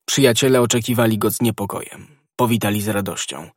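A man's voice: on the low side, fast, dry recording. Man narrating a classic novel, dry close sound. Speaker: audiobook narrator. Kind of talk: scripted literary narration.

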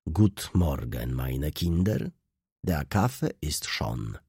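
A man voicing a frail, doting old German grandmother who speaks slowly and softly. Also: extremely low pitch, very animated, creaky, slightly rough, no room sound, clean studio sound, voice pushed down, exaggerated voice. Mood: tender. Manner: slow, soft German speech.

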